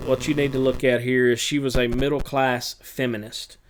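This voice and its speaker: A male teacher talking through a chapter review for his students, relaxed and loose, with plenty of filler uhs. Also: mid-range voice, normal speed, a little hiss or hum. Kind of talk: recorded review lesson.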